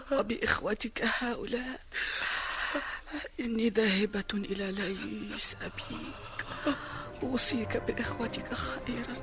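A woman's voice: on the high side, close to an everyday voice. Jocasta, a woman playing a dying queen. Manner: weak, solemn farewell speech. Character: dying queen and mother, grave and tender. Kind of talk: classic Arabic radio drama acting.

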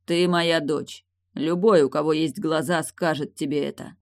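A woman's voice: low-pitched, fairly even intonation, moderate pace, dry recording, studio quality. A woman voicing a strict, cold middle-aged male marquis who speaks in short, clipped lines in a storybook reading.

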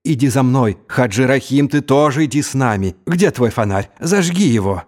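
A man's voice: mid-range voice, expressive, moderate pace, a little mellow, natural voice. A man voicing a drunken, raging young Mongol khan who is suspicious and given to wailing outbursts. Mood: wild, drunken.

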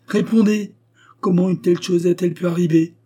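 Stern, reproachful young woman, raised and sharp in pitch, done by a male reader; warm, husky tone. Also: lively intonation, moderate pace. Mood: indignant. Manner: scolding, severe and reproachful. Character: stern indignant young woman of twenty-five. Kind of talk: audiobook character voice.

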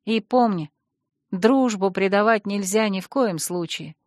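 A woman's voice: mid-range voice, a little slow, no room sound, studio quality, lightly acted. A woman reading a proud young mage heroine. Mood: tender. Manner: sharp, clipped retorts. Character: young female mage, proud, hurt and defiant.

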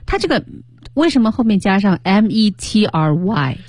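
A woman co-hosting a bilingual radio English lesson, quizzing listeners, spelling out words and repeating terms slowly. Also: medium pitch, big pitch swings, darkish tone, no room sound. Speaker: radio English teacher co-host. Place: radio studio.

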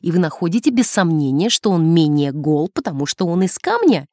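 A woman's voice: lowish voice, very animated, brisk, warm tone, dry recording, studio quality. A woman voicing a pale, agitated nun who pleads urgently and hisses with prim indignation, as in an audiobook. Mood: indignant. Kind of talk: audiobook character voice.

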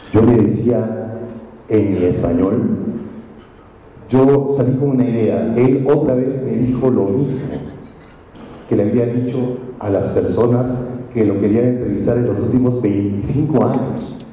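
A man with a mellow, mid-range voice and moderate pace, a journalist and speaker, addresses a conference crowd. He reflects through storytelling and keeps asking "right?", heard from a distance in an echoey hall.

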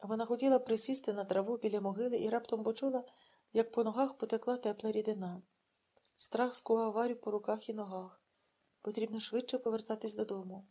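A woman narrating a literary audiobook in a measured, dramatic storytelling manner. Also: a little high, steady tone, mellow, slightly rough.

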